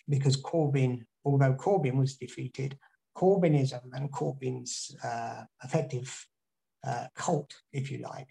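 Through poor audio comes a British guest speaker's creaky, mellow, mid-range voice as he delivers an online talk and fields questions from the audience. He rambles, restarting often and leaning on fillers.

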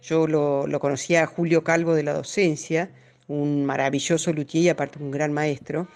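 A woman's voice: deep voice, level tone, normal speed, darkish tone. A woman, a musician and music educator answering interview questions in an earnest, explaining way.

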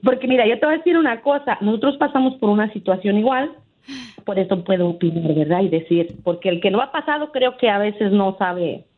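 A woman calling in to a radio show, telling a family story with lively acted-out quotes. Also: mid-range voice, fairly quick. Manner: animated storyteller who acts out family quotes. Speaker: caller. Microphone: telephone. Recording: tinny phone line.

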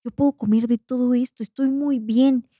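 A loving elderly grandfather spirit reassures his family from a dream, played by a woman storyteller. He speaks in a gentle, raised, mellow voice with a Mexican accent. The sound is close and dry. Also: fairly even intonation, moderate pace, dry recording, lightly acted. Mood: tender. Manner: tender, reassuring, raised pitch.

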